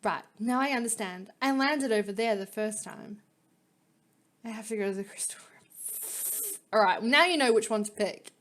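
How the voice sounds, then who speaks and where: A woman's voice: a little high, moderate pace, pauses often, a bit bright. A woman reading a visual novel aloud, mixing dramatic narration with casual, wry asides. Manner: dramatic reading broken by wry, giggly commentary. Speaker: player reading game story aloud.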